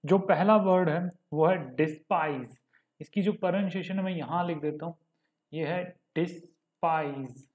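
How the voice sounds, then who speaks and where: Man, vocabulary teacher, patient step-by-step explaining, slow repetition of key words, echoey room. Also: sits high, muffled recording. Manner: explains step by step and repeats key words slowly, often saying "okay". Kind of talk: vocabulary lesson with memory tricks.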